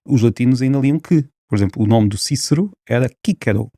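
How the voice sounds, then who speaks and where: A man's voice: mid-range voice, fast talker, warm tone, no room sound, clean studio sound. A man with a European Portuguese accent, a linguist guest on a podcast, explaining at length with many fillers and restarts.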